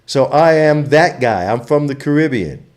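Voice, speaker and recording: A man from Trinidad and Tobago hosts a channel, delivering an opinionated commentary monologue in a medium-pitched, animated voice at a moderate pace. He's impassioned and emphatic, getting louder as he gets fired up.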